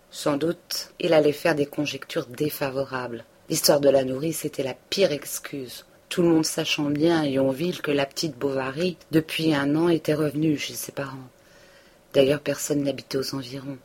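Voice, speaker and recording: A woman reading a classic novel aloud as narrator, with measured, steady delivery. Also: deep voice, breathy edge. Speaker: audiobook reader.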